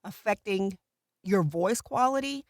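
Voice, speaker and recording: A middle-aged woman with natural vocal fry, a voiceover artist casually explaining a routine to camera from a small recording booth. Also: medium pitch, lively intonation, a little slow, dry recording, clean studio sound.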